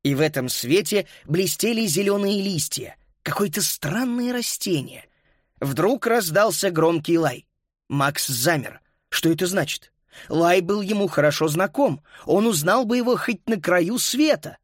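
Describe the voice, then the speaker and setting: A man narrating a children's story as an audiobook, lively and voicing each child. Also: high voice, measured pace, no room sound, studio quality.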